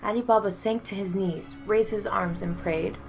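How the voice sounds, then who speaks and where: A woman's voice: mid-range voice, steady tone, normal speed, creaky, a little mellow, faint music behind. Woman reading a storybook aloud.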